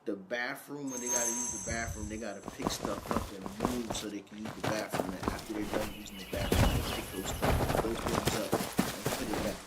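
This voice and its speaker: A man's voice: fairly low pitch, steady tone, fairly quick. A man streaming in a casual, opinionated chat, talking in a slangy, emphatic way. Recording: loud noise and ambient sounds behind.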